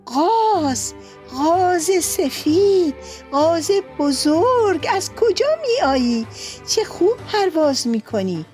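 A woman's voice: fairly high pitch, big pitch swings, few pauses, darkish tone, faint music behind, pitched above the performer's own voice. A woman voicing a weary, tired deer with a plaintive way of speaking.

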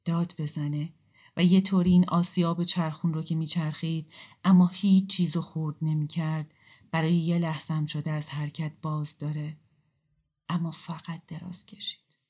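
A woman narrator giving a calm, measured audiobook story reading. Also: low voice.

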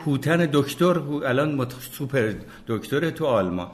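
Older man, podcast guest, opinionated and halting, mid-pitched, faint noise behind. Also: lively intonation. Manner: opinionated, hesitant with fillers and restarts. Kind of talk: casual chat.

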